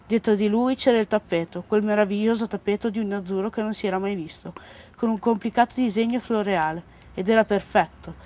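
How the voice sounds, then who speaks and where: A teenage schoolgirl slowly reading a story aloud for a school news report, earnest and careful. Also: mid-range voice, fairly even intonation, darkish tone. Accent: Italian. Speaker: student reader.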